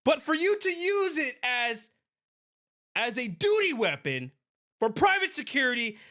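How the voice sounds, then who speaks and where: Animated bright-voiced woman podcast host. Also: sits high, unhurried. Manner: animated and emphatic, with frequent restarts and laughs. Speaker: podcast host and private security expert. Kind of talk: casual commentary on a video clip.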